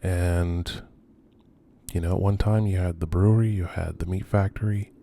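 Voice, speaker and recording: A man's voice: deep voice, fairly even intonation, moderate pace, gravelly, dark tone. A man giving an unscripted narrated tour as an urban explorer, speaking in a hesitant, musing, subdued way with trailing phrases. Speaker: video host and urban explorer. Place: on location at night around abandoned row houses. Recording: noisy ambient location recording.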